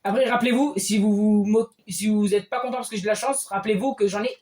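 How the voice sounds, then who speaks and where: A man giving casual gameplay commentary as a streamer, excitable and often bursting into loud cheers. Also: high-pitched, fast. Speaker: game streamer.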